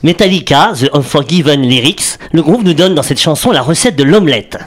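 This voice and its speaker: Male radio columnist, fairly high, very lively pitch, playful, laughs at his own jokes. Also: fairly quick. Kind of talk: comic radio segment. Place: radio studio.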